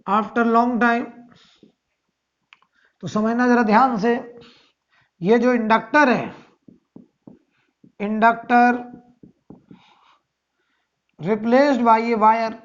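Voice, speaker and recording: Man teaching physics, dull lo-fi recording. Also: very high voice. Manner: keeps asking and answering rhetorical questions, repeats key phrases. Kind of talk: recorded classroom lecture. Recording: dull lo-fi sound.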